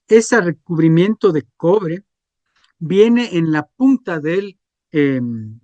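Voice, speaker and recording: A man's voice: high-pitched, no echo. A man, teaching a class and checking in with students through frequent questions. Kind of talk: classroom lecture.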